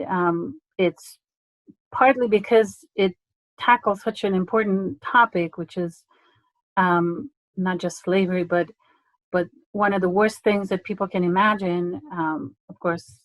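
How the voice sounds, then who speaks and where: A middle-aged woman from Romania, an English lecturer giving an online presentation in a measured way, pausing often with fillers. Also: mid-range voice, dry recording, rough recording. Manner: measured, hesitant with frequent fillers.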